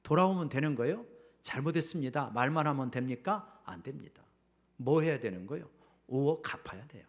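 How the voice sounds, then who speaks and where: Animated Korean pastor preaching a sermon. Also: male voice, mid-range voice, brisk. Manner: animated preaching, acts out quoted parable voices, drops to a whisper at key lines. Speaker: senior pastor. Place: church sanctuary.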